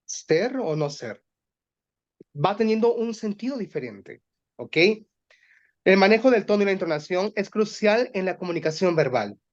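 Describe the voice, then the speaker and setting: Male voice coach, high-pitched, patient explainer, muffled lo-fi recording. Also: lively intonation, normal speed. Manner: explanatory, demonstrates exercises aloud. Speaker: voice workshop instructor for teachers. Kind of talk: online workshop teaching.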